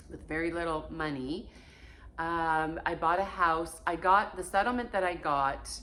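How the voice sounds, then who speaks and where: Her voice is low and sharp-toned, with a little hiss or hum behind it. She's a Portuguese-born vlogger in her fifties, talking candidly about her life at home, emphatic and frank, swearing without a second thought.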